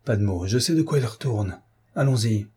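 A man's voice: on the low side, expressive, a little fast, mellow, husky. A man voicing a blunt condemned killer. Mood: grim blunt. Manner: curt, clipped phrasing.

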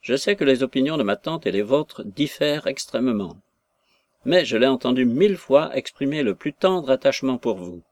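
Soft-spoken, pleading young daughter in a storybook reading, as a male narrator puts her on; dry close sound. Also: mid-range voice, animated, normal speed, no echo, natural voice.

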